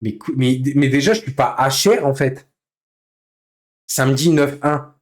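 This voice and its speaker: A man live streaming in casual chat, venting with heavy swearing and breaking into nervous laughter as he reacts to comments. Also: a little slow. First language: French. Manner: bursts into nervous, high-pitched laughter.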